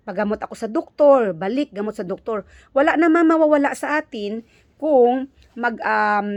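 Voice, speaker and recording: A woman with a Filipino accent chatting casually to her viewers as a vlogger, often halting and repeating words as she searches for the next one. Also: fairly high pitch, dry recording. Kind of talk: casual vlog chat to viewers.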